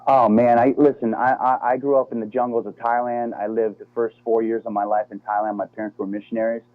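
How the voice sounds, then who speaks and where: A man's voice: medium pitch, little pitch movement, brisk, no room sound. A middle-aged American man, a former Navy SEAL guest, talking casually over the phone and calling the host "man" and "dude". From United States. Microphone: phone line. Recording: tinny phone line, dry.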